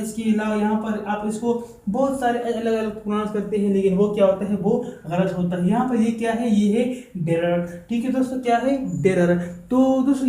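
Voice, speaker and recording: A male teacher with a high but mellow voice gives a spoken vocabulary lesson in an echoey room. He repeats each word slowly, then asks himself what it means and answers. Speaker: English teacher, channel host.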